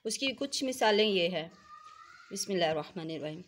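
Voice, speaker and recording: A woman teaching a religious lesson to her female students, explaining in a measured way and reciting verses slowly. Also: mid-range voice, slight background noise. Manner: measured explaining, slow chanted recitation of quotes; throat clearing, hesitant fillers.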